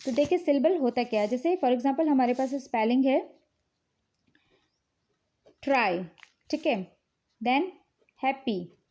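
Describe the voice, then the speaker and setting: High-voiced woman teaching phonics. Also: unhurried, pauses often, dark tone. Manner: patient, repeats "ठीक है" often, mixes English words in. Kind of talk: explaining English phonics rules. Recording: dull, lo-fi recording.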